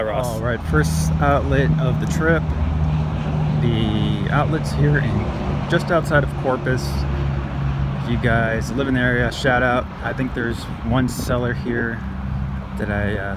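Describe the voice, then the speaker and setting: A man's voice: medium pitch, very noisy. A man in his thirties chatting casually as he vlogs, easygoing and full of filler words, filmed on a phone held at arm's length. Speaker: sneaker reseller vlogger. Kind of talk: casual vlog narration. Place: parked car and retail stores.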